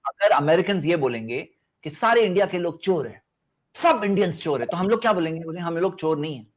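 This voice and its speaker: A man's voice: a little high, animated. A man hosting a heated live debate, insistent and pressing his point with repeated rhetorical questions. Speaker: debate host.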